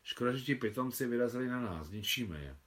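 A man reading the part of a fatherly older army officer who is a keen photographer, in a hearty, brisk manner. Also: mid-range voice, expressive, close to an everyday voice. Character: older male officer, kindly veteran photographer.

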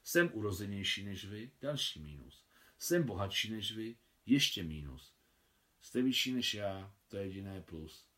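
A man's voice: on the low side, sing-song, a bit bright, far from the mic. A man as a shy, smitten young suitor. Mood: earnest. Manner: hesitant, earnest.

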